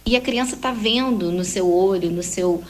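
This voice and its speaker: A woman explaining how to calm and comfort young children, acting out the gentle words a parent would say. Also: mid-range voice, moderate pace, low-quality recording. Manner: warm explanatory, acts out gentle talks with a child. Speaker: parenting guest expert. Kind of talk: conversational advice talk.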